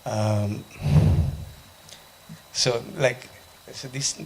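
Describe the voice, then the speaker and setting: A man from Nepal in an audience, asking a panel a question at a conference, halting and repeating himself. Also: medium pitch, steady tone, a little hiss or hum. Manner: halting, repeats his question, frequent restarts. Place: conference hall.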